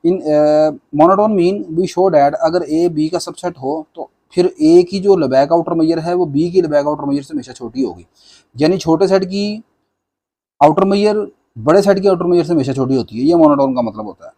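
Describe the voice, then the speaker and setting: A man's voice: high voice, animated, moderate pace, vocal fry, dark tone. A man teaching a maths lecture, patiently walking through proofs. He mixes English maths terms into his speech and often checks in with "theek hai na".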